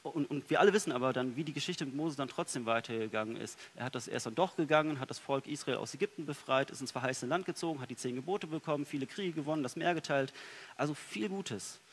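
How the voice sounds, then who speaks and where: A man preaching a sermon in a church, earnest, moving between soft, quiet passages and emphatic ones. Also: medium pitch, fast talker, slight background noise. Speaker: pastor.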